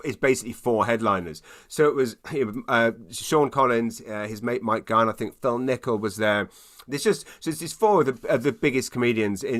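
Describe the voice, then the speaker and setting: A British man, a stand-up comedian, telling a comic anecdote in casual conversation in an animated, self-deprecating way with stammered repeats. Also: medium pitch.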